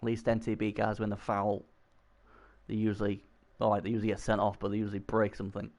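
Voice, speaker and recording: A man giving casual, excitable commentary on a video game match, often repeating himself. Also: lowish voice, fast.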